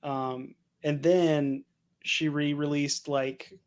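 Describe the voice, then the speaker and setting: Young man, podcast co-host, slightly high pitch, rambling casual talk. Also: little pitch movement, drawn-out words, clean tone. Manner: rambling, uses "like" a lot. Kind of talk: casual chat.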